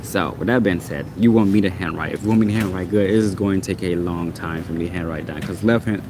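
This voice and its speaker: This man, a native Portuguese speaker with a low voice, goes on a quick-paced, casual rant full of exasperation. He rambles and repeats himself, and background noise can be heard.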